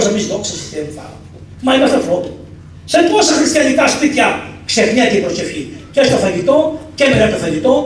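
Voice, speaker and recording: Man, storytelling sermon, animated, roomy hall echo, faint hum behind. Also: very high voice. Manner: animated, acts out dialogue in the story. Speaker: speaker at a church gathering. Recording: echoey hall from far off.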